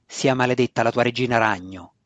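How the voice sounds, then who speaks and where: A man reading an audiobook, voicing a young male dark elf who answers back with anger and defiance. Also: mid-range voice, expressive, moderate pace, no echo, natural voice. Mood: defiant. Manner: defiant, angry, shaken.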